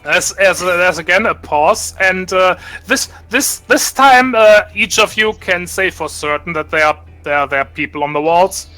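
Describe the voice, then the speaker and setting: A man narrating a tabletop role-play session as game master, halting with many restarts and fillers. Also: high-pitched, sharp tone, faint music behind.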